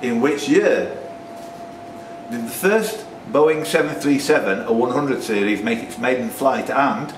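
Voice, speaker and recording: An older man, around his 60s, acts as quizmaster in a pub, reading out quiz questions and bantering with players. His mid-range voice comes at a measured pace, picked up by a distant mic in an echoey room with music and background noise.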